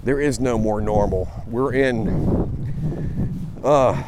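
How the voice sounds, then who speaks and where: Rambling man recorded on a phone outdoors. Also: mid-range voice. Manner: rambling, halting with frequent fillers and restarts. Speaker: podcast host. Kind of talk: casual spoken monologue. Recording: phone recording with wind and traffic noise.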